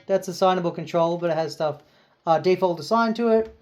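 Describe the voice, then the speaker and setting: A man's voice: sits high, brisk, far from the mic. A man casually reviewing keytars in his small home studio, rambling and enthusiastic, with many fillers. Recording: roomy studio with keyboard music behind.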